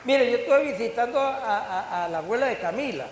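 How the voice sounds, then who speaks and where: A man's voice: extremely high pitch, expressive, brisk, a crowd in the background. An older man preaching a sermon as pastor, with rising bursts and questions to the congregation. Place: church hall. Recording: echoey church hall with faint hiss.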